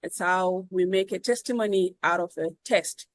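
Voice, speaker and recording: Zimbabwean lady, earnest and measured, lots of ums, dry close sound. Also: lowish voice, no echo, poor audio. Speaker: guest. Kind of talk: reflective interview answers.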